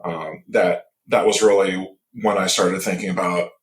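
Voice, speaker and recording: A man in his fifties from Michigan talks as a podcast guest, with a fairly low voice. He tells his stories reflectively and pauses often to find the next words. The room around him sounds noticeably echoey. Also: fairly even intonation. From Michigan, USA. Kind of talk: casual interview. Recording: roomy echo.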